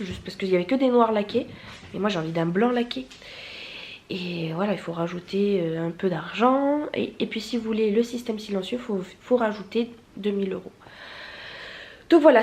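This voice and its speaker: Stuffed up from a cold, a young vlogger talks casually to camera in a mid-range, darkish voice. She rambles, full of fillers and restarts.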